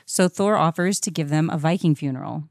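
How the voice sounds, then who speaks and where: Lowish-voiced woman podcaster, dry sound. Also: fairly quick, no echo. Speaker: podcast co-host. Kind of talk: conversational comic-book recap.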